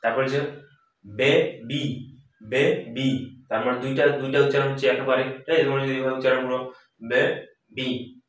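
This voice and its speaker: A man teaching an English grammar lesson, who often checks in with his students and slowly repeats key words. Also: medium pitch, completely flat delivery. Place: room where the power went out. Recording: echoey room, voice from far off.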